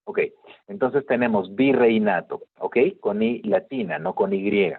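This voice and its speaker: A man's voice: on the low side, very animated, a little slow, vocal fry, slightly rough, no room sound. Male teacher, patient explainer on a video call, narrow tinny audio. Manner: explanatory, checks in with frequent "¿de acuerdo?". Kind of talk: online class lecture.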